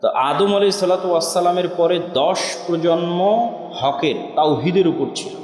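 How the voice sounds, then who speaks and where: Bangladeshi Bengali male preacher, voice sitting a bit high, dramatic sermon storytelling with recited verses, recorded in a reverberant hall. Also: normal speed, a little mellow. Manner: storytelling with rising and falling emphasis, recites Quranic verses. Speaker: Islamic preacher. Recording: echoey hall, long reverb.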